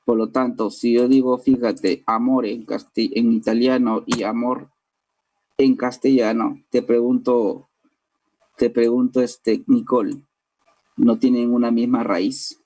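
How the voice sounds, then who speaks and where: Peruvian guy teaching class, super mellow dark voice, keeps asking "right?". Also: medium pitch, level tone, unhurried, slight background noise, rough recording. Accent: Peruvian Spanish. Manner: explanatory, tags sentences with "¿no?" and addresses students directly. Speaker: language teacher. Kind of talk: classroom lecture.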